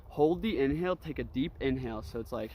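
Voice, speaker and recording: A man's voice: mid-range voice, lively intonation, brisk, heavy background noise. A man teaching breathwork in a casual, easygoing way, guiding with repeated cues and loose, conversational filler phrases. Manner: easygoing, loose phrasing peppered with "you know", "like" and "right?". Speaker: breathwork and energy practice instructor. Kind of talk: casual spoken instructional demonstration.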